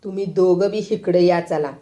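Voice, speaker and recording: A woman voicing a stern, quick-tempered male village schoolteacher who barks orders in rustic speech, in a storybook reading. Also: fairly low pitch, fairly even intonation, dark tone, highs cut off, natural voice.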